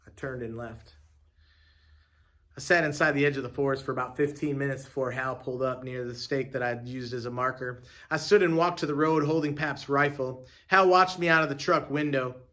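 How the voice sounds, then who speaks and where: Man with a bright, steady narrating voice. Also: mid-range voice, brisk. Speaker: audiobook narrator. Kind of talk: scripted audiobook narration.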